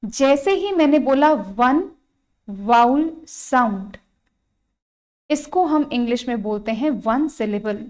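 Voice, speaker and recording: A woman's voice: fairly high pitch, expressive, slow, a little mellow. A woman teaching an exam-prep English grammar lesson, repeating points and asking her students questions. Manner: repeats points, asks students rhetorical questions, spells out vowels.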